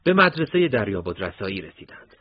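A man's voice: on the low side, big pitch swings, slightly rough, dry recording. A man narrating a war story in a scripted, dramatic reading style, voicing dialogue along the way. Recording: dull lo-fi recording, faint noise.

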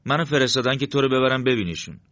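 In a storybook reading, a man voices an evasive, hurried young brother who dodges questions and urges someone along. His medium-pitched, fairly bright voice is animated and pitched a bit above his natural one, though still close to everyday speech. The recording is dry and muffled.

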